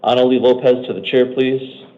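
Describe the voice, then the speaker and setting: An American man speaking as a judge at a hearing, making procedural courtroom announcements in a brisk, matter-of-fact, routine way. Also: medium pitch, flat delivery. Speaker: judge or commissioner at initial appearance hearings. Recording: muffled phone-like courtroom audio.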